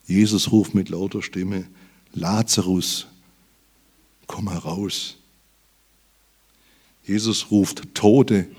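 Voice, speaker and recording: A man's voice: sits low, darkish tone, breathy edge. A man preaching a sermon, reading Bible verses aloud and building up emphatically on key phrases.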